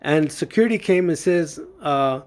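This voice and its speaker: A man testifying before a judge, speaking earnestly and haltingly with many fillers and restarts. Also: fairly high pitch, lively intonation, a little mellow. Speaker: witness testifying in court.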